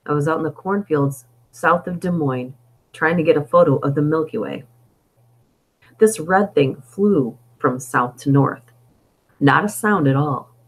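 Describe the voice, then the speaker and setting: Speaking into a cheap desktop microphone, a woman reads stories on a casual live stream and chats between them, thinking aloud as her thoughts wander. Her low-pitched voice sounds hoarse and worn, and the audio is poor.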